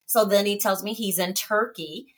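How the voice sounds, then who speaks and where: A woman from Chicago co-hosting a podcast, telling a story in a lively, familiar way and calling listeners honey and baby. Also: medium pitch, normal speed. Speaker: podcast co-host. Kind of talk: casual chat.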